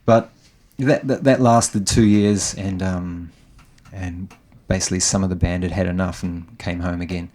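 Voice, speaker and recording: A man's voice: low voice, normal speed, hardly any pauses. A middle-aged man with a New Zealand accent, chatting casually as a guest guitarist, laughing easily and restarting his sentences. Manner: relaxed, self-deprecating, laughs often, many restarts. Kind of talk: casual interview chat.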